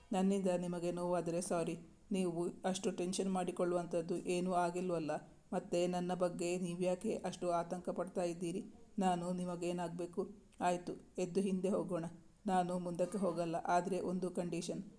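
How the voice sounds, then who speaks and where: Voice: mid-range voice, completely flat delivery, normal speed, dark tone, close to an everyday voice. A narrator voicing a teasing young lover. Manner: playful, coaxing.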